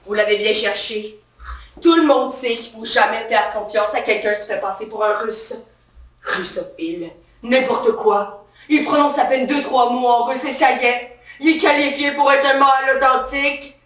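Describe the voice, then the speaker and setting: With a lightly acted, fairly bright voice on the high side at a normal pace, a female character performer takes on the role of a swaggering, bossy policewoman, trigger-happy, touchy, and power-proud. The satirical comedy monologue is recorded from a distance on a theatre stage, with roomy stage sound.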